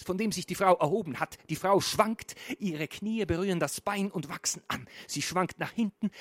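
A man reading a surreal story aloud, swinging from a hushed murmur to a raised, urgent voice and often stumbling over his words. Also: high voice, no echo. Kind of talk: literary reading.

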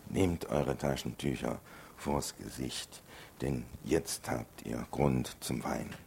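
Man, rhythmic spoken-word performer, rough gravelly voice, extremely low pitch. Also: fairly even intonation, slow, darkish tone, slight background noise. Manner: rhythmic, storytelling delivery.

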